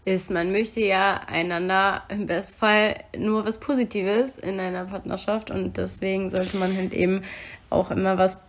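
A woman's voice: medium pitch, flat delivery, measured pace. A woman co-hosting a podcast, talking casually and reflectively about relationships and acting out little quoted remarks. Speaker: podcast co-host.

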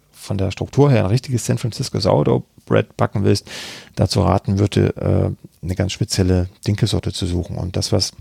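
A man with a gravelly, dark, husky voice, explaining bread baking in a podcast interview. He thinks aloud and fills pauses with many hesitations. The sound is close and dry. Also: lowish voice, no echo. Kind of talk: podcast interview answering questions.

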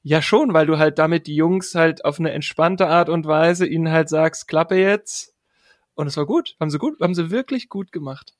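A young man telling a story in a relaxed, chatty way with youthful slang. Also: fairly high pitch, fairly quick, few pauses, dry recording, studio quality. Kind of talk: casual storytelling chat.

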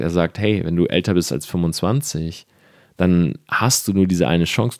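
A man's voice: deep voice, darkish tone, no room sound, clean studio sound. A young man talking earnestly and directly to the listener in a casual motivational monologue, with fillers and the odd swear word.

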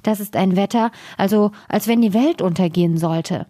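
A woman's voice: mid-range voice, normal speed, mellow, no echo, studio quality, close to an everyday voice. A woman voicing a flustered, scheming miller's wife in a storybook tale, speaking in a fussing, lifted tone.

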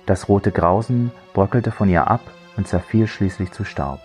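A man narrating a crime thriller audiobook in a measured, dry storytelling voice. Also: fairly low pitch, a little mellow, faint music behind.

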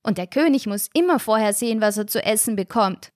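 A woman voicing a small, whiny boy who insists he is a king, in a crowing, high voice. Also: animated, brisk, dry recording, clean studio sound, natural voice. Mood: insistent.

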